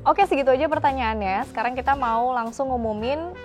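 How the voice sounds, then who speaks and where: A woman's voice: sits high, brisk, a little mellow. A woman chatting informally to viewers as a channel host, answering questions and making announcements. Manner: chatty, informal, speaks directly to friends watching. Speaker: automotive presenter and channel co-host. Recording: music behind the voice. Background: background music.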